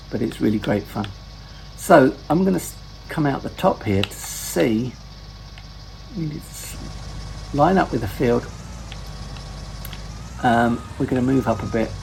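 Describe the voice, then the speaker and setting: A man hosting his own gaming channel, giving relaxed gameplay commentary and often correcting himself mid-sentence. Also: medium pitch, creaky, a little hiss or hum, low-quality recording.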